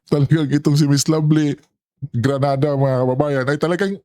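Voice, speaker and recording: A man's voice: fairly high pitch, level tone, fairly quick, warm tone. A man hosting a casual reaction commentary, often addressing his viewers and laughing in asides. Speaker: commentary channel host.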